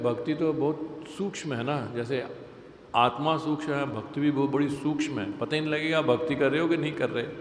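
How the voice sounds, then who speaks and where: A man's voice: medium pitch, slight background noise. Man giving a devotional class in an echoey hall. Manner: explains with everyday examples, stresses points by repeating. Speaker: temple class speaker. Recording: echoey hall with faint ambience.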